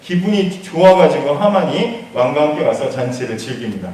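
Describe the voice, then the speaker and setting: A pastor retelling a Bible story in a lively sermon, acting out the lines of the characters as he goes. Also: on the high side, a little fast, very echoey, recorded from a distance, poor audio.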